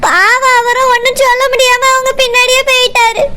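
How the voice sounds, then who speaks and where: A very high, thin cartoon voice of a frightened young wife with a Kanyakumari Tamil accent, pleading in a weepy way. The track carries loud hiss throughout. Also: flat delivery, a little fast. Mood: tearful. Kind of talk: cartoon voice acting. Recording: loud background noise.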